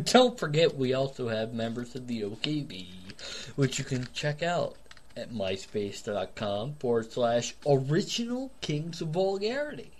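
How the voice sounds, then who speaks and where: A man's voice: medium pitch, very animated, measured pace, slight background noise. A man co-hosting a podcast in casual chat, crude and joking, arguing back and forth with his partner. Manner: crude, joking, argumentative banter. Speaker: podcast co-host.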